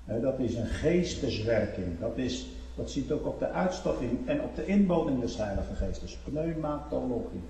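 A man preaches a sermon in a church. Picked up from a distance, his voice rings with a long hall reverb. He swells loud and drawn out at key points, then sinks low for quick asides. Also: animated, creaky. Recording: echoey hall, far from the mic.

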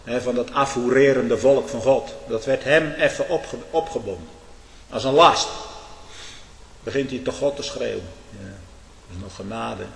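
A man preaching a fiery sermon, dropping to low mutters and then rising to shouts, often asking his listeners "hm?". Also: measured pace, gravelly. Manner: asks "hè?" and "hm?" to the listeners. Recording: echoey hall with long reverb.

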